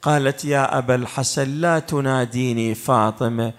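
A man preaching a mourning sermon, speaking and chanting slowly as a preacher, with a lamenting tone that rises into cries. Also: medium pitch, fairly even intonation. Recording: long hall reverb, faint music.

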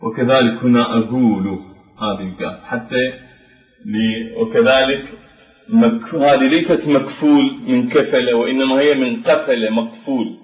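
A man giving a measured spoken lecture, explaining step by step with frequent pauses and fillers. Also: mid-range voice, fairly even intonation. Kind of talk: spoken lecture on Arabic phonetics. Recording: dull lo-fi recording in an echoey room.

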